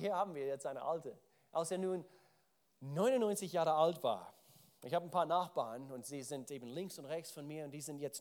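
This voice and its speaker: A man with a fairly high voice preaches a sermon. He keeps turning to his listeners with direct questions and repeats words as he gathers his thoughts. His delivery stays emphatic from line to line. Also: darkish tone. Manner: emphatic, often repeats words while searching for phrasing.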